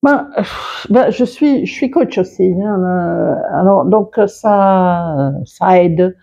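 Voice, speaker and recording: A woman's voice: fairly low pitch, slow pace, creaky, warm tone, dull audio. A woman who works as a public speaker and coach, talking expressively in an interview, laughing often and restarting her sentences. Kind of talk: interview conversation.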